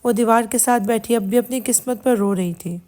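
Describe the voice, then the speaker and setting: A woman narrating a romantic audio novel in a steady storytelling manner. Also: on the high side. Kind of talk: scripted narration.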